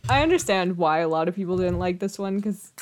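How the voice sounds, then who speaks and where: A woman with a slightly low voice co-hosts a casual film podcast. She talks candidly, swears freely and laughs often. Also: lively intonation, brisk. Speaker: podcast co-host.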